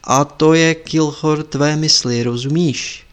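A man's voice: fairly high pitch, steady tone, natural voice. A man voicing an old male sorcerer who teaches his apprentice in a solemn, instructive way in a storybook reading.

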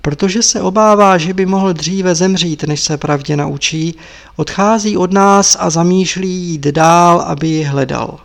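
A man's voice: high voice, vocal fry. A man voicing a kindly older woman, the master's wife, who pleads and laments. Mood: pleading.

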